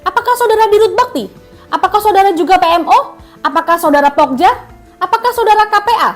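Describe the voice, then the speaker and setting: A woman's voice: on the high side, faint music behind, natural voice. A woman voicing a middle-aged male presiding judge who questions sharply and jokes, reenacting a court scene on a news show. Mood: stern questioning. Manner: rapid insistent questioning.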